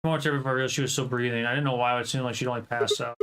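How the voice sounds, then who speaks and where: A man's voice: mid-range voice, fairly even intonation, rapid-fire, clean tone. A man playing a video game, reading its text aloud dramatically and commenting along the way. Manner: dramatic, acts out lines. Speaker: let's play streamer. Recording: voice over loud game music.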